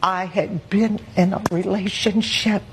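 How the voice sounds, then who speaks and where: A middle-aged woman giving courtroom testimony as a witness, speaking in a formal, deliberate, indignant manner. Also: mid-range voice, steady tone, heavy background noise. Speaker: court witness, church secretary.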